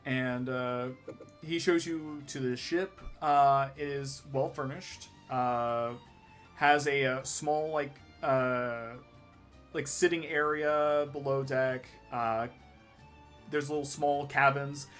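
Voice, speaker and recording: A man's voice: medium pitch, fairly even intonation, slow, fairly bright tone. A man narrating a tabletop role-playing game as game master in a casual, conversational, improvised way. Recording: faint music behind the voice.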